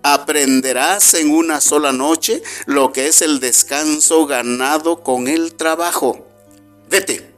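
A man's voice: a little high, slow pace, a bit bright, soft background music. A man voicing stern, unyielding guard bees turning someone away in a radio story. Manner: cold and stern.

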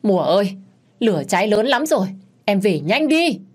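A woman voicing a young village man shouting urgent news through tears. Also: medium pitch, very animated, moderate pace, breathy edge, pitched above the performer's own voice. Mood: alarmed.

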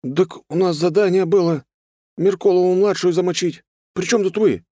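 A man's voice: high-pitched, moderate pace, mellow, no echo, clean studio sound, pitched above the performer's own voice. A man voicing a frightened male thug, a former violinist, who whines and stammers as he pleads. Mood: cowed. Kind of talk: audiobook character voice.

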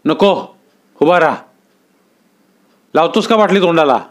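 A man voicing a stern older village landlord who talks gruffly and scolds. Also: on the high side, animated, unhurried, voice pushed up. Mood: commanding.

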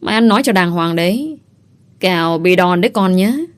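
A gentle older matriarch who questions her household mildly yet firmly, put on by a woman narrator. Her voice stays low and soothing in a storybook reading. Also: expressive, fairly quick, lightly acted. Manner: mild, soothing.

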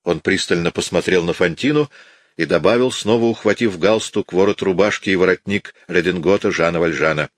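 A man narrating an audiobook in a measured, dramatic reading. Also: low voice, no room sound, studio quality. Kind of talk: scripted narration.

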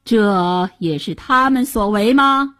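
A woman voicing a commanding male emperor in a told tale, speaking slowly and regally. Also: medium pitch, a bit bright. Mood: stern.

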